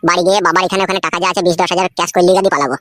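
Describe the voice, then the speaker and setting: A woman's voice: lowish voice, fairly even intonation, racing, lightly acted. A woman voicing a crude scheming young son-in-law. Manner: sulky, crude. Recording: clear background noise.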